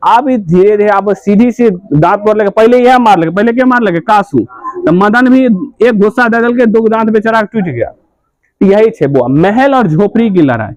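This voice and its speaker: High-voiced Bihari male teacher drilling. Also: expressive, moderate pace, no echo. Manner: asks quiz questions and answers them himself; repetitive, drilling key points. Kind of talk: classroom lesson explaining a story.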